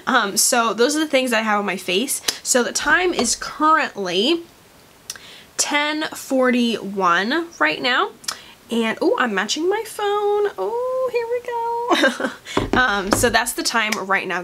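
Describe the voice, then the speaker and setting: Casting: woman beauty vlogger, chatty, a little high, slight morning roughness. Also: expressive, unhurried, sharp tone, a little hiss or hum. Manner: chatty, with frequent likes and ums. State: morning voice, coughing. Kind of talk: casual makeup review vlog. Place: at home, later by a window.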